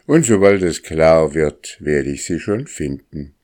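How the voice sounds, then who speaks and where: A man voicing a wise old male raven who calmly explains things, in a storybook reading. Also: very deep voice, unhurried.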